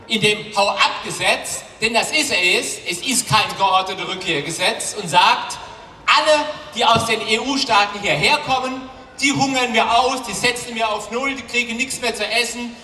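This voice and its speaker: A middle-aged man giving an impassioned rally speech on an outdoor stage into a handheld mic, asking rhetorical questions. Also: extremely high pitch. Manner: forceful, rhetorical questions, often shouting. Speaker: rally speaker. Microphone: handheld mic, filmed from the crowd. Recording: distant PA sound echoing outdoors with crowd.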